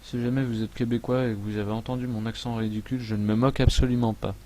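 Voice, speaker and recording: A man hosting a casual software tutorial, thinking aloud as he works, with frequent hesitations and friendly, self-mocking asides. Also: medium pitch, level tone, quick pace. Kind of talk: casual screen-recorded tutorial.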